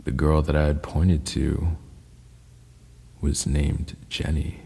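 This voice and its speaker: A man narrating scary first-person stories in a slow, ominous storytelling manner. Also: a bass voice, flat delivery, vocal fry, mellow, slightly rough. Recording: long reverb with faint ambient noise.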